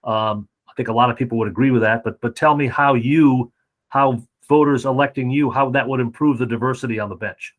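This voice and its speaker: Male interviewer, editorial board, mid pitch, direct and probing. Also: fairly even intonation, a little fast. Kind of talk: endorsement interview questioning.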